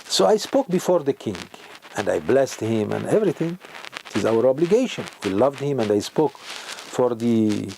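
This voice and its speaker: An older man preaches a sermon as a rabbi. His voice is mellow and warm, sitting at a middle pitch. He drives his points home with rhetorical questions that leap upward in pitch. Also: sing-song, normal speed, vocal fry, slight background noise, rough recording. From Morocco. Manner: emphatic, rhetorical questions, sudden rises in pitch.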